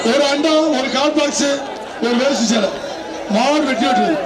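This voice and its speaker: A very high-pitched man with a Tamil Nadu accent announces at a live bull-taming event over a public address system. His calls come in short repeated bursts, echoing from a distance amid a loud crowd. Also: normal speed, heavy background noise. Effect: amplified over a public address system. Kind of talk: live arena commentary, calling out bulls and prizes. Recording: echoey outdoor loudspeaker, distant, loud crowd. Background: loud crowd at outdoor arena.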